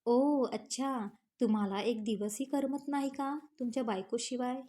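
A mock-scolding family elder woman, read by a woman storyteller with a high, mellow voice. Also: fairly even intonation, measured pace, lightly acted. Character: older female elder of the house, teasing and stern.

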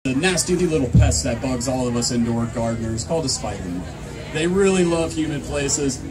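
Under a canopy tent at an outdoor fair, a young emcee with a medium-pitched, animated voice announces a contest at a moderate pace. He reads entry notes through a handheld microphone on the PA, then gets the crowd going, all picked up by a distant camera mic over the crowd's chatter.

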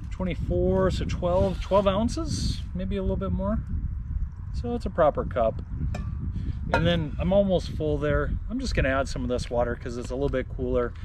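A man's voice: fairly high pitch, noisy background. Chatty man demoing camp coffee gear. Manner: relaxed, chatty, thinks aloud. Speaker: camping gear vlogger. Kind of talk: casual product demo.

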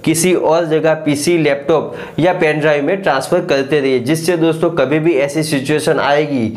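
A man's voice: a little high, steady tone, normal speed. Earnest man hosting a tech explainer. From India. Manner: earnest, keeps addressing viewers as friends. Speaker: tech YouTuber host. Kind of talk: scripted explainer to camera. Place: small living room set, indoors. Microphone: lapel mic.

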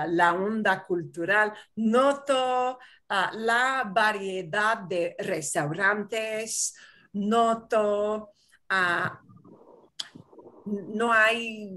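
A woman's voice: medium pitch, bright, forceful tone. A woman from Michigan teaching Spanish in an online class, patiently explaining and switching into English to clarify. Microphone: video call.

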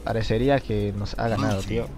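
A man giving casual, excitable gameplay commentary, talking to his viewers and to the game and swearing often. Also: on the low side, fast, background noise.

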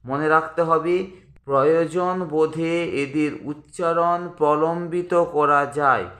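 Slow, bright-voiced male teacher. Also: fairly high pitch, reverberant. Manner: slow, drawn-out pronunciation of example words; addresses students as friends. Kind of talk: grammar lesson.

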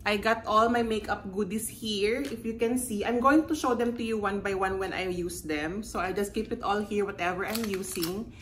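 A beauty vlogger from the Philippines does her makeup in her bedroom at home, chatting casually, rambling a bit, and making friendly, self-correcting asides. A camera in front captures her at close range. Her mid-range voice keeps a moderate pace with hardly any pauses, with a little hiss or hum.

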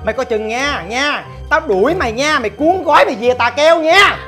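A woman's voice: high-pitched, lively intonation, brisk, soft background music. A scolding tea-house boss lady. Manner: scolding, shouting threats. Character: bossy middle-aged woman tea-house owner, scolding.

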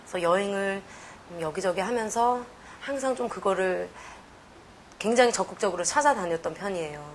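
A woman in her thirties chatting casually and telling stories in a lively way. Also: mid-range voice, moderate pace. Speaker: documentary subject. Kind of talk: casual chat and interview. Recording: ambient background noise.

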